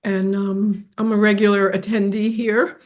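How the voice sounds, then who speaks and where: An author in a writing group, speaking slowly and haltingly on a video call. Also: medium pitch, level tone, dull audio. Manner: slow, halting delivery. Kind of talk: casual video call chat.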